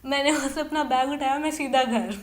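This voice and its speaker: A woman's voice: sits high, brisk. A young woman hosting her own podcast, casually telling stories from her student days and slipping English phrases into her talk. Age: young adult. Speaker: podcast host. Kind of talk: casual storytelling. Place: bedroom. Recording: echoey bedroom recording.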